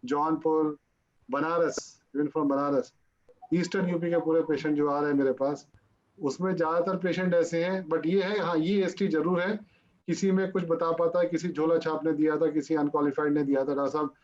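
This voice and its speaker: A man's voice: fairly high pitch, steady tone, moderate pace, a little mellow. A male doctor answering interview questions, patiently explaining technical medical details. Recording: dull lo-fi audio.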